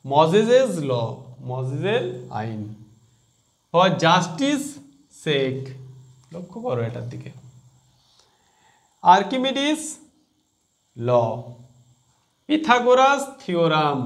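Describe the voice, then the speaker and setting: Male teacher with a high voice, patient and repetitive, checks his students with questions. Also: sing-song, very slow, long pauses. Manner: explains step by step, repeats key terms and quizzes students. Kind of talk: grammar lesson.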